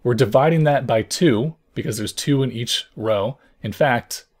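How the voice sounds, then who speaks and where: A young man with a hoarse, worn voice, hosting a casual programming tutorial and thinking out loud as he explains. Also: medium pitch, a little slow. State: hoarse from lost voice.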